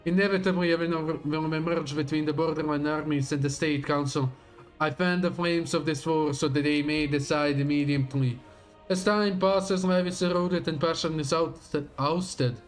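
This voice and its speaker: A man acts out a grandiose warlord villain from a video game. The delivery is slow, theatrical and full of menace, every phrase declaimed with zeal. The voice sits a little high, with faint music underneath. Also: natural voice. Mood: grandiose, brooding. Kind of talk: dramatic read-aloud of video game villain dialogue.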